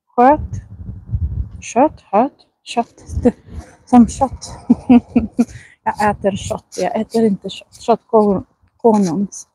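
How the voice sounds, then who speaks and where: Woman language teacher, Russian-native, slow careful diction, mellow breathy voice, dry close sound, walking outdoors. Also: fairly high pitch, dry recording. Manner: slow careful enunciation, frequent laughs. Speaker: Swedish teacher. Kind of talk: casual walking vlog. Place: outdoors on a residential walk.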